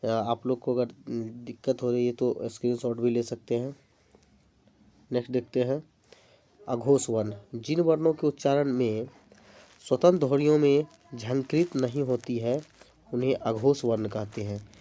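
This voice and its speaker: A man's voice: medium pitch, fairly even intonation, moderate pace, mellow. A man teaching an exam-prep grammar lesson, explaining definitions step by step with examples. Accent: Bihari-tinged Hindi.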